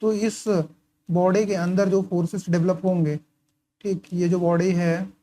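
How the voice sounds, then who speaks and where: Relaxed and conversational, a male engineering tutor covers course material in a mellow, dark voice. He writes and highlights his notes as he talks, regularly asking questions he then answers and pausing for quick check-ins.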